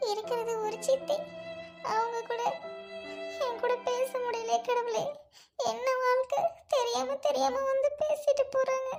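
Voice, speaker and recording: A woman doing a very high, weepy orphan girl. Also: level tone, unhurried, pauses often, over music. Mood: tearful. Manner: tearful, pleading, sobbing. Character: orphaned young woman, lonely and always weeping. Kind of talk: amateur dialogue drama.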